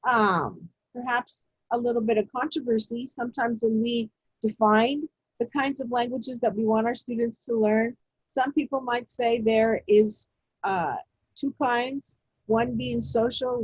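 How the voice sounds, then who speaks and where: An education presenter leads a teacher-training webinar over a video call, measured and unhurried, often pausing on fillers and restarting sentences. Her voice is a little high with a husky edge, and the sound is dry and close with no room echo.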